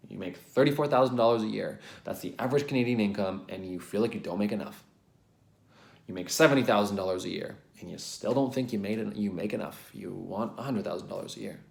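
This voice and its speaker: Earnest low-voiced man in an echoey room. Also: creaky. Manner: rambling, self-correcting, frequent ums; earnest, gets worked up. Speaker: relationship coach. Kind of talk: casual vlog monologue.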